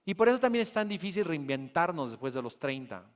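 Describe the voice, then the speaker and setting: Lively Bolivian man giving a keynote. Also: a little high, fast talker. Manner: lively storytelling, addressing the audience with rhetorical questions. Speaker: conference speaker. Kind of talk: motivational keynote talk. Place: conference hall.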